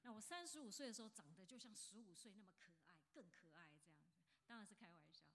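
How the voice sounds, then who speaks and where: A woman's voice: medium pitch, animated, fast, a bit bright. A woman in her fifties, a pastor giving a chatty sermon that often asks the congregation questions. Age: 50s. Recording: long hall reverb.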